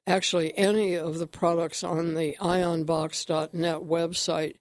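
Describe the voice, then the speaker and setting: A woman's voice: lowish voice, a little mellow, no echo, studio quality. Chatty woman hosting a radio show. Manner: chatty, with frequent throat clearing. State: slightly out of breath. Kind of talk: casual radio talk. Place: radio studio.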